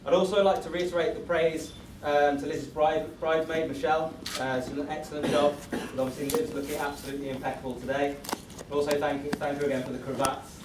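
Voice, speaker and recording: A man's voice: fairly high pitch, flat delivery, fast, few pauses. Male best man, wedding toast, self-deprecating jokes, roomy sound, far from the mic. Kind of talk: wedding toast, scripted speech to guests. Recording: echoey room, distant mic, noisy venue.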